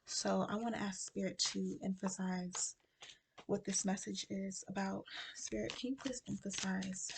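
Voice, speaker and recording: A woman giving a casual spiritual card reading to her viewers, talking with a retainer in her mouth and dropping into soft whispers as she muses. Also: mid-range voice, little pitch movement, vocal fry, husky. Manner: slow, musing delivery with soft whispered phrases; casual, chatty address to viewers. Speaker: tarot card reader.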